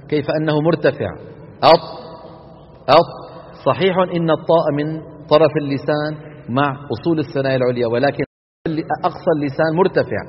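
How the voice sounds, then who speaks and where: A man's voice: on the high side, breathy edge. A man teaching Quran recitation in a lecture, demonstrating letter sounds and asking students to repeat them. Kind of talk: classroom lecture on articulation. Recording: dull recording with long hall reverb.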